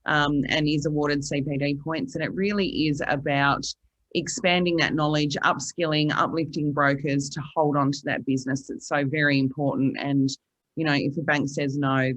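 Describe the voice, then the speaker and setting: A woman's voice: rumbling low, level tone, moderate pace, rough recording. A woman with an Australian accent answering panel questions, enthusiastic and full of fillers. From Queensland. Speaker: panelist, finance platform representative.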